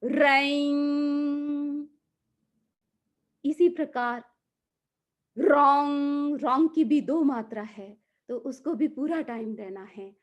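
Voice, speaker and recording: A woman giving a calm, slow mantra lesson, drawing out the chanted syllables. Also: on the high side, lo-fi sound. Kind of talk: guided mantra pronunciation lesson.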